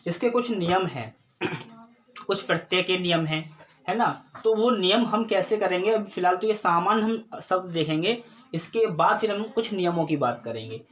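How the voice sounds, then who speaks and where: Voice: mid-range voice, expressive, normal speed, a little hiss or hum. A teacher giving a recorded grammar lesson, patiently explaining step by step, asking and answering their own questions and often checking in with the class.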